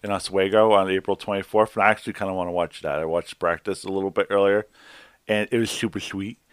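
A man's voice: low-pitched, quick pace, clean tone, no room sound, studio quality. A man co-hosting a racing podcast, chatting casually and ranting with swears. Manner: animated ranting, swears freely. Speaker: podcast co-host. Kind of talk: casual chat.

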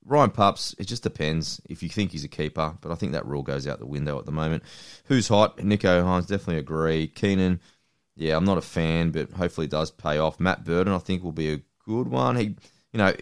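A relaxed Australian man hosts a casual sports podcast, moving easily from one segment to the next. His voice sits deep and low. The recording is dry and close, with no room sound. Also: fairly quick, clear, resonant tone, no echo. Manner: relaxed, chatty, runs the segments. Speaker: podcast host. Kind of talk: casual sports fantasy chat.

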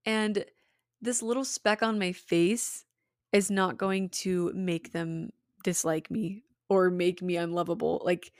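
A woman's voice: on the low side, steady tone, takes it slowly, dry recording, studio quality. Giggly Utah-accented young woman podcaster. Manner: candid, giggly, swears freely. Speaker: podcast host. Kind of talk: casual solo podcast chat.

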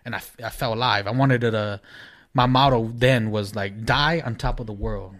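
A man's voice: on the low side, normal speed, a crowd in the background. A man, chatting casually in an upbeat, slangy, encouraging way. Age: late 20s. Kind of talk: casual chat.

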